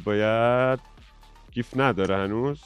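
A man's voice: mid-range voice, smooth, soft background music. A man hosting a mobile gaming video, chatting casually and joking with a friend while talking to his viewers. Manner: lively, joking, addresses viewers directly. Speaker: gaming streamer host.

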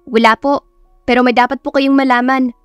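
A woman's voice: high-pitched, level tone, a little fast, clean tone, no echo, dull audio, faint music behind, lightly acted. A woman voicing a nervous, deferential housemaid in an audio story. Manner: anxious, eager, polite.

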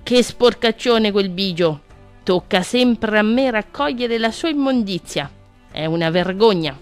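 A woman's voice: lowish voice, a little slow, soft background music, lightly acted. A woman voicing a touchy brown male rabbit in a children's storybook reading, complaining indignantly.

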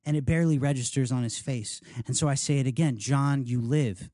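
A man reading aloud from his memoir at a live reading, in an earnest, measured and rhythmic way. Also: medium pitch, warm tone, no echo, studio quality. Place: house reading event, indoors.

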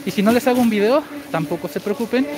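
Animated and fast, a forties-aged man with a high, girlish-sounding voice streams deals live from a large indoor supermarket. Holding his phone as he walks, he chats, explains deals and reads viewer comments amid noisy store ambience.

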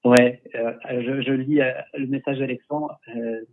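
This man, a French photographer, uses a headset to chat on a livestream and respond to viewer questions, with plenty of hesitations and restarts. His mid-range voice stays steady at a measured pace over husky, tinny call audio.

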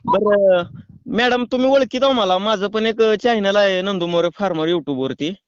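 A man on a prank phone call talks calmly and teasingly in a put-on official tone. His voice is high and smooth, and the muffled line sounds dry and close. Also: moderate pace, no echo. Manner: calm, teasing, mock-official. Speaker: prank caller.

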